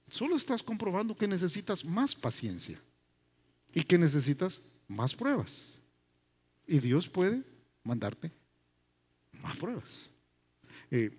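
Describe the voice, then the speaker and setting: A male pastor delivering a sermon in an emphatic, animated manner, full of repetition and rhetorical questions. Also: high-pitched. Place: church.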